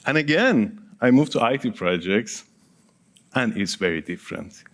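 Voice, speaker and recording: A Persian-speaking man gives a casual, engaging conference presentation, quizzing the audience with questions and counting hands. He adds small laughs and asides along the way. His mid-range voice is expressive and moves at a moderate pace.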